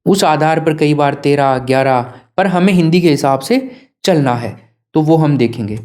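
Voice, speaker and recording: A man's voice: on the high side, normal speed, a little mellow. A male teacher giving an exam prep lesson, often asking his students questions and then answering them himself. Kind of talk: classroom lesson.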